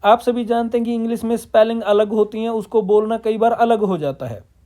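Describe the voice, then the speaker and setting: A man from Punjab, India, with a high, brisk, warm voice gives a classroom-style lesson. He poses questions and answers them himself, slipping English terms into his Hindi.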